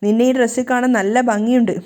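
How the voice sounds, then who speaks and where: Woman playing a drunk sneering male villain, coaxing with a threatening edge, quick and mellow. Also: fairly high pitch, steady tone, natural voice. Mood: coaxing, menacing. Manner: sweet-talking with a sneering edge.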